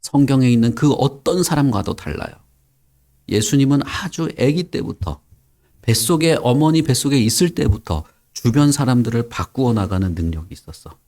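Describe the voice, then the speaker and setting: A man who is a pastor gives a children's sermon and tells the story in a lively way, putting questions to the children. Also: medium pitch, normal speed.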